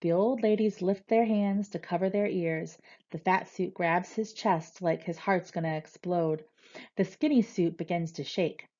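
A woman reading a first-person novel aloud with steady, expressive storytelling. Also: fairly low pitch, measured pace, dull audio. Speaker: reader.

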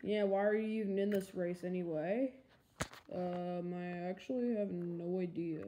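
A woman's voice: fairly low pitch, fairly even intonation, unhurried. A young player voicing toy race cars on a carpet, switching between playful character voices, recorded on a handheld phone. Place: carpeted room indoors. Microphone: handheld phone camera. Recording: loud handling noise from phone.

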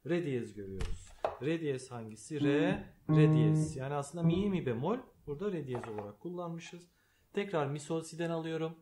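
A man's voice: on the high side, lively intonation, fairly quick. Turkish-speaking man teaching piano over music. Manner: calls out note names while playing, explains patiently. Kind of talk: step-by-step piano lesson. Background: piano playing.

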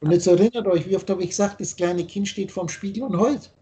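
A man's voice: high-pitched, quick pace, warm tone. A man teaching on a video call, lecturing insistently and spelling out letters as he explains. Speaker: spiritual teacher.

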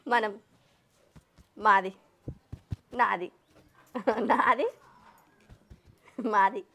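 A woman's voice: medium pitch, drawn-out words, bright, forceful tone, a little hiss or hum. A woman, playfully calling out guesses in a casual family game. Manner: playful, repeats guesses aloud, laughs. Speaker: vlog host, guessing player.

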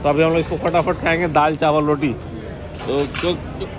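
A man's voice: fairly high pitch, fairly even intonation, unhurried. A middle-aged man chatting casually as he films a travel vlog on a phone at arm's length. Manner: chatty, narrating on the move. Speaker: vlogger. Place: bus, roadside dhaba and highway halt, outdoors at night and dawn. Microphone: phone held at arm's length. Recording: noisy outdoor traffic.

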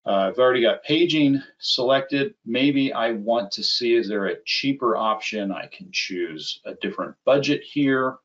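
In a small indoor room at his computer, a low-voiced, slightly bright middle-aged man runs a live software demo as a webinar presenter and applications engineer. His explanation is conversational and unhurried, moving step by step, and the recording is a bit dull and band-limited.

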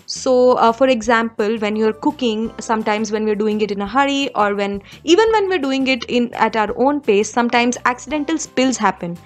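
A woman's voice: a little high, normal speed, few pauses, faint music behind. A young woman from India giving kitchen cleaning tips in a conversational voice-over, with frequent fillers and restarts. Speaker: home vlogger.

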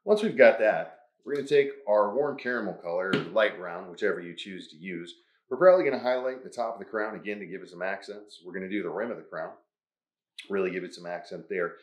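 An upbeat man hosts a hands-on craft tutorial and walks through each step as he works. His voice sits on the low side. The room around him is echoey. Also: brisk. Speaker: host.

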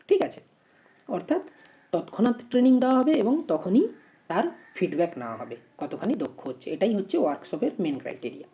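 Woman teacher, warm and mellow tone, methodical explainer who asks rhetorical questions before each answer. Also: on the low side, highs cut off. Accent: Bengali. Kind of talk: exam-prep lesson.

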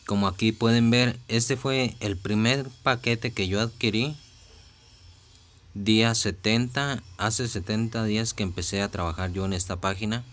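A man talking casually over a phone screen recording, slow and hesitant with many fillers and restarts. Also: on the low side, steady tone, fairly bright tone. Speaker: vlogger walking through a website.

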